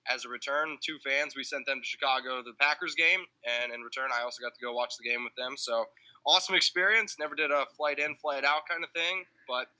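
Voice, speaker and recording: A man's voice: mid-range voice, a little fast, pushed and bright, rough recording. A man who is a guest on a sports podcast, breaking down players in casual, analytical chat.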